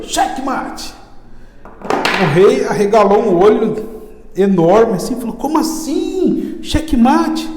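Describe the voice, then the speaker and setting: A man with a Brazilian accent, a chess teacher chatting casually in an interview and telling stories in a lively, slangy way. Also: high voice, slight background noise. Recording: echoey room with long reverb.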